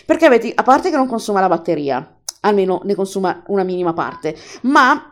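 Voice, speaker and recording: A woman's voice: medium pitch, very animated, fairly quick. A woman hosting a casual tutorial, chatty and enthusiastic, explaining each step to her listeners. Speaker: podcast host teaching an app.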